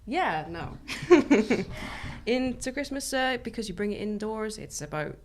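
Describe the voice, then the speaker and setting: A woman's voice: medium pitch, very animated, measured pace, a little hiss or hum. A woman co-hosting a casual podcast, giggly as she explains trivia. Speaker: podcast co-host. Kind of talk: casual chat.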